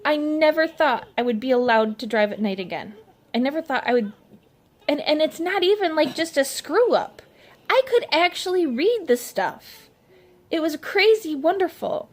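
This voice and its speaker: A woman's voice: high voice, very animated, moderate pace. A middle-aged woman and mother talking in a casual personal vlog, rambling and emotional, often restarting her sentences. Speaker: vlogger, mother. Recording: faint background noise.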